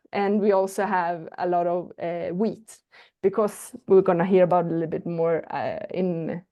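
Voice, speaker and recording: This guest speaker has a mid-range, dark-toned voice and a Swedish accent; she is from Sweden and not a native English speaker. Her online presentation is peppered with fillers and false starts.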